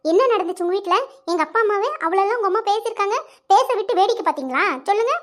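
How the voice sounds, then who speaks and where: A woman's voice: extremely high pitch, rapid-fire. A woman voicing a stubborn, wounded young woman who argues with her lover in a cartoon. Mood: indignant. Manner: firm, indignant, reproachful.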